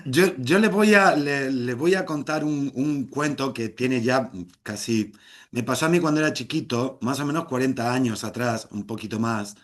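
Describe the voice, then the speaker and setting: A middle-aged man telling a humorous story live, playful and theatrical, with shouted exclamations. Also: medium pitch, moderate pace.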